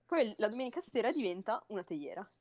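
A woman's voice: mid-range voice, sing-song, fast talker, a little mellow, dull audio. A woman in her twenties joking playfully in a casual group chat as a co-host. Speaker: podcast co-host.

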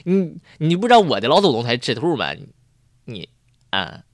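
A man's voice: medium pitch, sing-song, slow, very noisy. A man voicing a sneering male horse who mocks the rabbit he is chasing for a debt. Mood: taunting. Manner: mocking, taunting.

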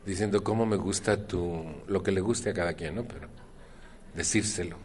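A man's voice: deep voice, steady tone, moderate pace, a little mellow. A man with a Mexican accent giving a personal testimony at a support group meeting, chatting with the room, often asking questions and using earthy slang. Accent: Mexican Spanish. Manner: conversational, asks the audience questions.

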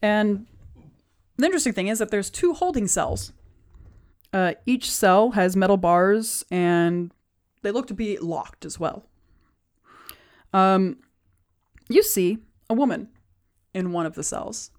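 A woman's voice: mid-range voice, expressive, slow pace, pauses often. A young woman narrating a tabletop game as game master, casual and chatty. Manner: casual, with many fillers and light laughs.

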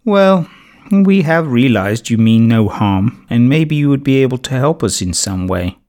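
A man voicing a wary, serious female woodland animal who speaks slowly and carefully. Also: mid-range voice, expressive, a little mellow, natural voice. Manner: slow, serious, measured.

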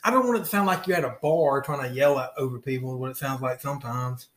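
A man's voice: medium pitch, quick pace. A man with a lisp co-hosting a casual podcast, rambling and repeating words as he talks. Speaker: podcast co-host. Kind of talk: casual chat.

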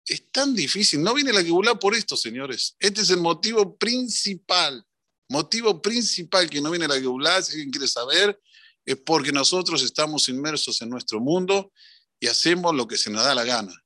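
A man with an Argentine accent, a religious teacher giving an animated storytelling sermon. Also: on the high side, moderate pace, no room sound, studio quality. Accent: Argentine Spanish. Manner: animated, swings between voices.

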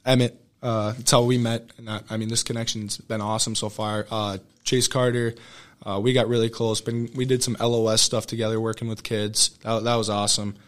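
Lowish-voiced young American male athlete. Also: little pitch movement, fairly quick. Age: young adult. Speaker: podcast guest, student athlete. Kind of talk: casual interview chat.

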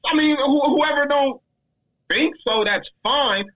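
A man in a casual discussion, talking in an emphatic, slangy, animated way as he answers a question. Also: very high voice, slow, muffled recording.

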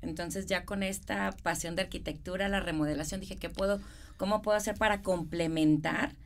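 A middle-aged real estate consultant and architect from Monterrey speaks as an interview guest with a regio northern Mexican accent. She chats casually, using colloquial examples, in a lowish, steady voice at a fairly quick pace. There is a little hiss or hum.

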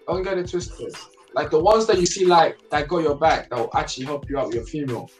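A young man with a London accent, chatting casually in slang and explaining himself in halting, animated bursts. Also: on the high side, faint music behind. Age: young adult.

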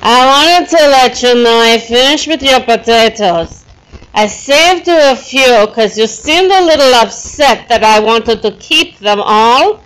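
Woman playing a slow, high-voiced friendly Russian game character. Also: animated, a bit bright, low-quality recording. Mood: friendly, teasing.

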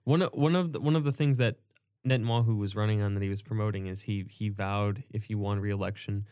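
Young man, smooth clear voice, dry sound, casual podcast co-host, hesitant fillers. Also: on the low side, steady tone, fairly quick, mellow, dry recording. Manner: steers topics, hesitant with fillers. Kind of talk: casual political discussion.

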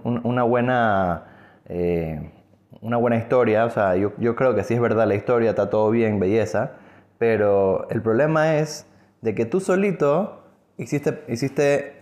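A man voicing a judge in a parable who calmly explains the verdict. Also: mid-range voice, natural voice. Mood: explaining. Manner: explanatory, measured.

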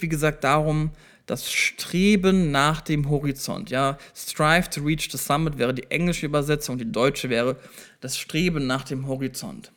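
With a fairly high, fairly bright voice touched by vocal fry, a man hosts a solo motivational podcast on self-improvement. He addresses the listener directly, walking through ideas step by step in a conversational style with small restarts.

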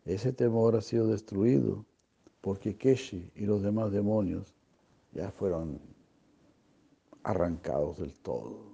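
A gentle young boy god who speaks softly and with care, voiced by a man reading from a storybook. The voice underneath is low, dark and husky. It is a plain reading with little put-on change. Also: slow pace, pauses often, lo-fi sound, full character voice.

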